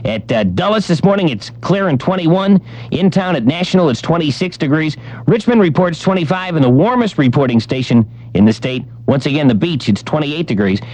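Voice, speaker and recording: A man's voice: on the high side, expressive, fairly quick, a little mellow. A man hosting a morning radio show, joking and rattling off times, weather and scores.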